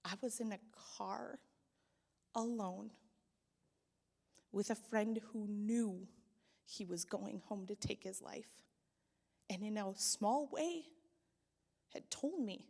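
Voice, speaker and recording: Speaking slowly with a gravelly, medium-pitched voice and long pauses, a young woman gives her church testimony, acting out the people in her story. Her delivery builds to loud pleading, and the church hall adds a long reverb.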